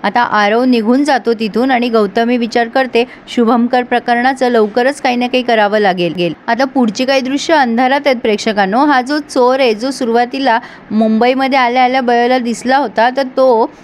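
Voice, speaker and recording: A woman talks through a serial episode like a casual chat with viewers. She reads out the characters' lines in her own fairly high voice rather than acting them. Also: fairly even intonation, moderate pace, few pauses, slight background noise. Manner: retells scenes and reads characters' lines in her own voice, laughs now and then. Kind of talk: casual recap narration.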